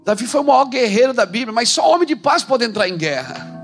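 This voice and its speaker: Male preacher, high-pitched, emphatic, soft-to-shouting sermon delivery over faint music. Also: big pitch swings, fairly quick. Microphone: handheld microphone.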